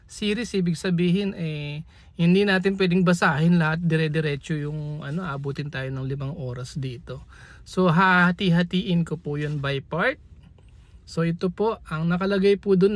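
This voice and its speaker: A man's voice: sits high, no echo. A middle-aged man with a Filipino accent, giving a chatty medical lesson and reading from a textbook between folksy asides. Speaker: medical lecturer. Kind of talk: casual lesson in mixed Tagalog and English.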